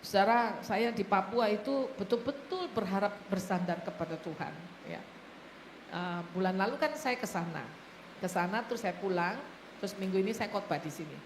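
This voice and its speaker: A woman pastor preaching a sermon, telling stories in an animated way and often laughing as she addresses the congregation. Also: medium pitch, normal speed. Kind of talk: sermon with storytelling. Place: church hall. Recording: echoey church hall, faint noise.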